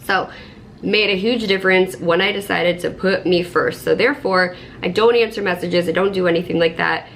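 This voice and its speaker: A woman speaks to her viewers in a sick, slowed-down voice that sits on the low side. She rambles casually and warmly through her routine, leaning on fillers. A faint hum of background noise sits under her voice. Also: steady tone, gravelly. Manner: chatty, lots of "like" fillers, self-described structured. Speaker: vlogger. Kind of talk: casual vlog talk to camera.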